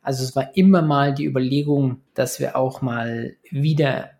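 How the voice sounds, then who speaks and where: A man's voice: medium pitch, fairly even intonation, moderate pace, vocal fry, darkish tone. Male podcast guest, 40s, business coach, mid-range voice, conversational, hesitant word-searching delivery. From Munich, Germany. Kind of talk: casual interview talk.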